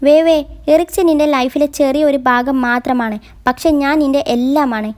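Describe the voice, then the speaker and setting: Woman voicing a calm, teasing young boyfriend. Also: high-pitched, normal speed, natural voice. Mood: tender. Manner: gentle, reassuring, quietly playful.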